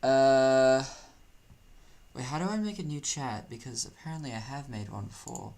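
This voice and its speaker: A man's voice: medium pitch, normal speed, gravelly, a little mellow. A man from Africa, hosting a casual video and talking through what is on his screen in a rambling, joking way. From South Africa. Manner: rambling, joking, teasing slang. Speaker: YouTuber host. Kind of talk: casual commentary over screen play.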